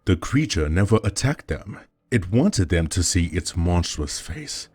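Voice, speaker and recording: A man narrating a scripted horror story as storyteller, with dramatic, expressive delivery. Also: low voice, unhurried, husky.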